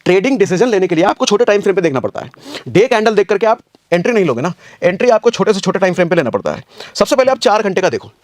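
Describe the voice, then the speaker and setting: A man's voice: sits high, very animated, very fast, no room sound, clean studio sound. A man giving a casual screen-share trading lesson, explaining each step and repeating his points with rhetorical questions. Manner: casual, calls viewers brother. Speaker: trading teacher.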